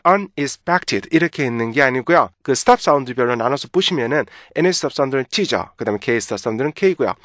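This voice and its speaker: A man teaching English pronunciation, explaining patiently and slowly drawing out example words, often checking in with the listener. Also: mid-range voice, fairly bright tone, dry recording, clean studio sound. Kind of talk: pronunciation lesson.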